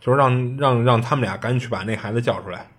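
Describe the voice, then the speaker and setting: A husky-voiced man tells a ghost story at a quick clip. His delivery is chatty and casual, sprinkled with fillers, like a podcast host spinning a yarn for listeners. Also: mid-range voice. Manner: chatty, animated retelling with frequent fillers.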